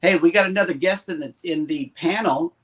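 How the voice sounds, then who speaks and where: A man's voice: fairly high pitch, brisk. A man hosting a casual live chat and introducing a guest. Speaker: host.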